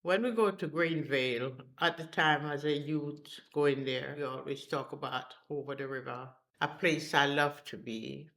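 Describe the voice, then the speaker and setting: A man's voice: fairly high pitch, fairly even intonation, a little slow, hardly any pauses, a bit bright. A man with a Caribbean accent, sharing personal memories like a storyteller in dialect phrasing. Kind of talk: personal reminiscence.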